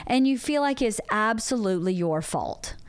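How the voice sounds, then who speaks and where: A woman's voice: fairly high pitch, lively intonation, moderate pace, smooth, no room sound. A woman in her forties on a podcast, talking earnestly and openly about a hard personal experience. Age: 40s. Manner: earnest, open and reflective. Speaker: podcast co-host. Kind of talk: candid personal conversation.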